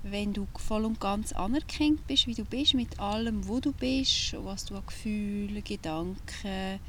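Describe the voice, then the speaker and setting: A woman's voice: mid-range voice, a little slow, slight background noise. A woman with a Swiss German accent hosting a podcast, talking casually and vividly from inside an old camper van, often restarting her sentences as she searches for words. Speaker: podcast host. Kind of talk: casual chat.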